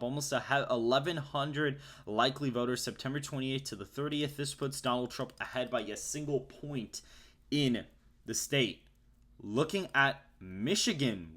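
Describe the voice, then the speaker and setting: Man listing election polls steadily. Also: medium pitch. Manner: steady list-like delivery reading poll numbers. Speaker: political forecaster host. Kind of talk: election map commentary.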